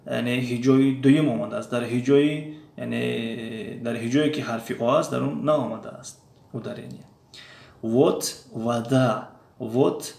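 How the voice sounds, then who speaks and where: A man in the middle pitch range teaches a lesson at an unhurried pace. His voice has a gravelly edge, and he says each drill word aloud again and again. The recording carries the echo of a bare room. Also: darkish tone. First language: Tajik. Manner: slow, repeats drill words aloud. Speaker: language teacher. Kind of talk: explaining a lesson.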